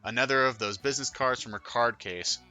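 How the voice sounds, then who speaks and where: A man's voice: medium pitch, fairly quick, sharp tone. A man hosting a let's play, reading a visual novel aloud and dropping profane, offhand asides. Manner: profane, offhand asides between read lines.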